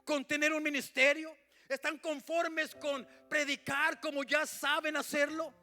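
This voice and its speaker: High, piercing preacher. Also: male voice, level tone, unhurried. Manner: swings between shouting and hushed asides, repeats "mi amado hermano". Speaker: pastor. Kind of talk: sermon. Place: church.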